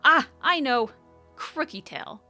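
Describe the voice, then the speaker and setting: A woman's voice: sits high, lively intonation, slow pace, sharp tone, soft background music, voice pushed up, full character voice. A woman voicing a playful young male elf warden who muses aloud as he chats. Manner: chatty, musing aloud.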